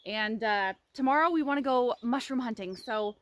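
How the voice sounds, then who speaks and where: A woman's voice: a little high, normal speed. A woman chatting casually to viewers as a farm vlogger, folksy and joking, her speech slightly impeded by a dental retainer.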